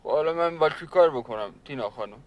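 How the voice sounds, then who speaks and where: A man's voice: a little high, lively intonation, lightly acted, poor audio. An actor playing a lovestruck, boastful male caretaker who talks of love in flowery words in a sitcom. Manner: doting, flowery talk of love, calls others "baba jan". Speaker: caretaker in love with a young woman. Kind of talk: sitcom acting.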